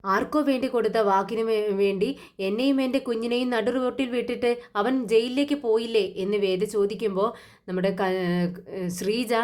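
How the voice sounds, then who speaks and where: A woman narrating a TV serial recap in a casual voice-over, retelling scenes with frequent restarts. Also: fairly high pitch.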